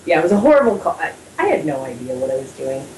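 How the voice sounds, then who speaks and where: An American woman with a mid-pitched voice chats candidly and pokes fun at herself. She sounds a little away from the mic in an echoey room with faint noise. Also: sing-song, fast talker, a little mellow, recorded from a distance. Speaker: poker show co-host. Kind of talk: casual chat.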